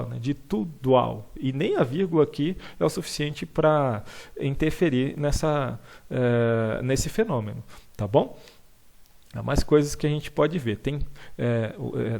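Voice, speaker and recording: Man with a gravelly voice teaching. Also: mid-range voice, a little mellow. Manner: explains patiently, with many fillers and checks like "tá bom?"; reads verse lines aloud slowly. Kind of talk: recorded lesson explaining slides.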